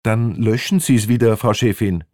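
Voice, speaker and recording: A man's voice: lowish voice, normal speed, a little mellow, no room sound, studio quality, voice pushed up, natural voice. A man voicing a nervous father caught without a ticket, who stammers and bluffs indignantly. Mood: bluffing.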